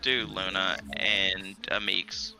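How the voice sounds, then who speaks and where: A man's voice: deep voice, little pitch movement, takes it slowly, vocal fry. A man making callouts to his team in online game voice chat. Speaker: raid caller. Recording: voice chat under loud game music.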